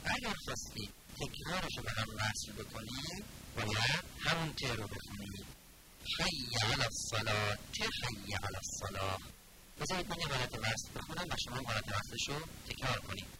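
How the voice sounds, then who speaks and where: A man teaching the pronunciation of recited phrases, explaining calmly, then chanting each phrase slowly and drawn out for students to repeat. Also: medium pitch. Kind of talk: recorded lesson on reciting the call to prayer. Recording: loud background noise.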